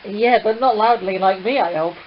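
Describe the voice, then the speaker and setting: A woman chatting casually on a live stream, teasing and quick to laugh. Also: mid-range voice, dull audio, a little hiss or hum. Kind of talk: casual chat.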